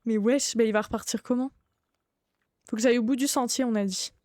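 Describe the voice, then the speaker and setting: High-voiced woman streaming a horror game. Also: steady tone, fairly quick, slight background noise. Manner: chatty, greets viewers warmly by name, swears casually. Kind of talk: live gaming stream commentary.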